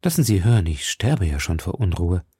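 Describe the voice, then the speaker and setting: A man voicing a calm, phlegmatic musketeer nobleman who speaks low and measured. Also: breathy edge, no echo, clean studio sound, full character voice.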